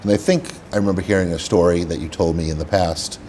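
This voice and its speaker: A man's voice: deep voice, steady tone, fast, warm tone, slight background noise. A man hosting a local business interview show, reading a scripted welcome and then asking chatty questions.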